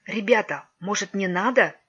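A woman's voice: medium pitch, normal speed, fairly bright tone, slightly rough. A woman voicing a timid young boy who whines and pleads, on a dull lo-fi recording. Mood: fearful. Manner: pleading, whimpering.

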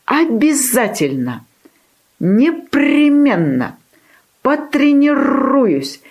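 A woman voicing an eager, naive little male puppy in a storybook tale, squealing and excited. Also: fairly low pitch, measured pace, breathy edge.

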